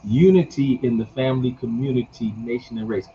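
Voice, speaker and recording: A man's voice: medium pitch, a little fast, dark tone. A man in his sixties talking casually as a guest, folksy and storytelling, who laughs at his own jokes. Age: 60s. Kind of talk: casual conversation. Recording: muffled recording with faint background hum.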